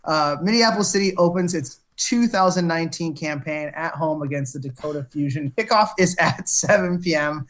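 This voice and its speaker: A man co-hosting a casual soccer podcast, talking in halting, restarting sentences. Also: a little high, a bit bright. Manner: halting, many restarts and fillers. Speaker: podcast co-host. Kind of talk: casual sports podcast chat.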